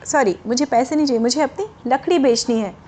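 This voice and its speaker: एक महिला द्वारा निभाया गया ज़िद्दी लकड़ी बेचने वाला आदमी. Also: female voice, high-pitched, a little mellow, a little hiss or hum, close to an everyday voice. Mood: insistent. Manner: drawn-out hawker's calls, insistent. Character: loud stubborn male wood seller, hawking.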